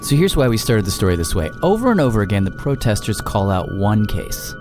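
A man's voice: fairly low pitch, very animated, brisk, over music. An American man hosting a documentary podcast, narrating in a conversational, informal storytelling way.

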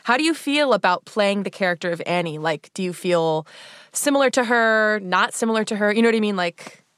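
Lively, enthusiastic woman host. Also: mid-range voice, a little fast, clean tone, no room sound, studio quality. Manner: enthusiastic, exclaims and laughs often. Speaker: podcast host. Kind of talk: casual interview chat.

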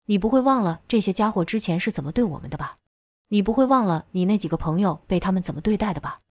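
A woman's voice: medium pitch, expressive, fast, no echo, natural voice. A woman voicing a sneering, resentful young lightning wielder. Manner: sneering, defensive.

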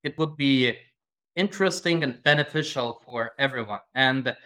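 A man being interviewed as a guest, speaking hesitantly and pausing to find his words. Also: mid-range voice, bright, forceful tone. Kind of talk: interview conversation.

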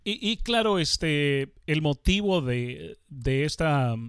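A man hosting a podcast interview, asking warmly curious questions. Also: on the high side, expressive, slow, clean tone, no echo, clean studio sound. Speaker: podcast host.

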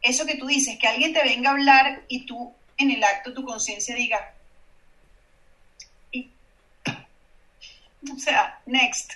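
A Venezuelan woman in her forties speaks in a high, bright voice, a little far from the microphone. She tells stories with animation and acts out what people said. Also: a little slow, pauses often. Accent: Venezuelan Spanish. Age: 40s. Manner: animated storytelling, acting out quoted dialogue. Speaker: guest, oral surgeon. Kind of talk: casual interview chat.

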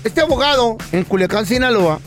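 Man, comic radio co-host, very high voice, bouncy delivery, slangy storyteller, faint music under him. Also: a little fast. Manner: animated, acts out voices, slangy. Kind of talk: joking comedic storytelling.

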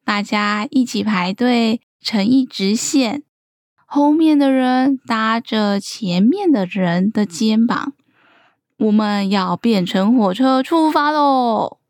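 A woman's voice: on the high side, slow pace, darkish tone, no echo. A cheerful young kindergarten teacher in a storybook, voiced by a woman, coaxing the children in a sing-song, raised voice. She speaks unhurriedly, recorded close and dry.

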